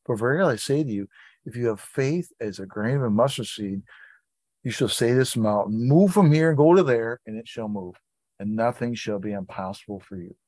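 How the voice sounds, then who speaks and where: A man's voice: mid-range voice, normal speed, a little mellow, no echo. A man leading an informal Bible study, reading scripture aloud and breaking off into conversational asides.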